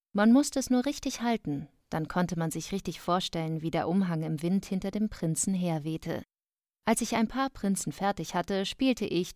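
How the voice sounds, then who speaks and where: Female audiobook narrator, lower voice, steady measured delivery, dry close sound. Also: no room sound. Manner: calm, measured storytelling. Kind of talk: scripted first-person narration.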